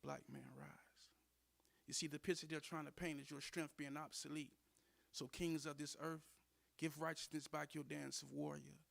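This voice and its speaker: A man performing spoken word poetry in a slow, measured way, repeating lines for weight. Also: a little high, vocal fry, no room sound.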